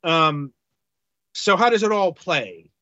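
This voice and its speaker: A man co-hosting a casual game-review podcast, talking haltingly with many fillers. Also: sits high, expressive, sharp tone, no room sound, muffled recording. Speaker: podcast co-host reviewing games.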